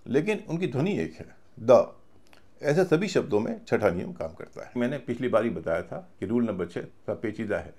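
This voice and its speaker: Gravelly-voiced man teaching a lesson. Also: mid-range voice, darkish tone. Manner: patient, methodical, spells words letter by letter. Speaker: English pronunciation teacher. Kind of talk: video lesson lecture.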